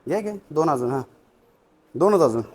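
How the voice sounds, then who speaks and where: A man's voice: on the high side, animated, normal speed, darkish tone. A man vlogging at the gym, energetically urging a friend through reps and counting sets. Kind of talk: casual gym vlog coaching. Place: gym indoors.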